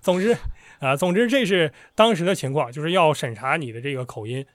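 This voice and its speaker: A man's voice: on the high side, expressive, fairly quick, dry recording, clean studio sound. A man hosting a casual history chat, explaining with animation and slipping into a storyteller's cadence. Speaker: podcast host explaining history.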